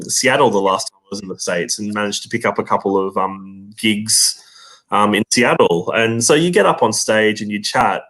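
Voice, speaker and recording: A man's voice: fairly low pitch, fairly bright tone. A man with an Australian accent, chatting casually as a guest in a wry, joking way. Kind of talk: casual chat.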